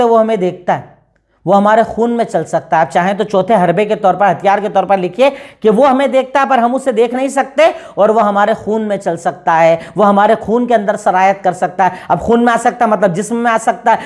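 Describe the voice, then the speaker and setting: A woman giving a religious lecture, emphatic, asking rhetorical questions and answering them, reciting Arabic verses slowly. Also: mid-range voice, darkish tone. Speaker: Islamic preacher.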